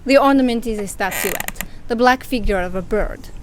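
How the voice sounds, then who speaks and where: A woman's voice: fairly high pitch, normal speed, background noise, close to an everyday voice. A woman playing a polite but menacing female crook who speaks in a formal, precise way, in an amateur audio drama.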